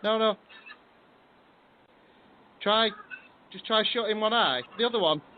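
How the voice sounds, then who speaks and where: A man's voice: high-pitched, measured pace, slight background noise. A man speaking through a doorbell speaker, playfully coaxing his dad through a prank with step-by-step instructions. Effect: heard through a doorbell speaker. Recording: tinny doorbell camera audio.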